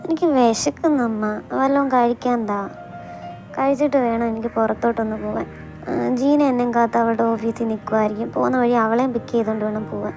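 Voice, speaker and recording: A woman's voice: a little high, steady tone, fast, darkish tone, faint music behind, natural voice. A woman voicing a spoiled young daughter, whiny and impatient with her mother, in an amateur audio drama.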